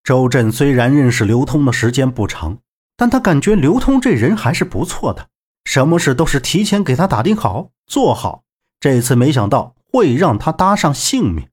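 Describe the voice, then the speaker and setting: A man narrates a novel for an audiobook, telling the story expressively. He speaks at medium pitch and normal speed with a breathy edge.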